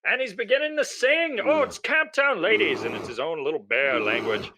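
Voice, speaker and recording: A man playing an excitable old-time farmer on a comedic 1920s-style radio parody, rambling with folksy exclamations. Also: sits high, normal speed, a little hiss or hum. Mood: delighted. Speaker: co-host playing a hapless farmer.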